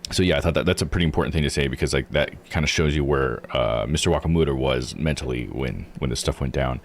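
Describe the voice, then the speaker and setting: A streamer with a rumbling low voice plays and recaps a visual novel, giving casual, rambling live commentary as he explains and thinks aloud. A little hiss or hum sits under the recording.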